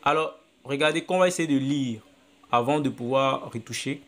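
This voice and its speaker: Speaking at a moderate pace in a mid-range voice, a man demonstrates phone-app video editing in a screen recording. He thinks out loud, proceeds one step at a time, and repeats what he's doing as he goes.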